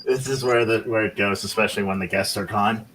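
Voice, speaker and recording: Low-voiced joking male host. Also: steady tone, fairly quick, a bit bright, a little hiss or hum. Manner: crude, joking. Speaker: podcast host. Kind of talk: casual podcast chat.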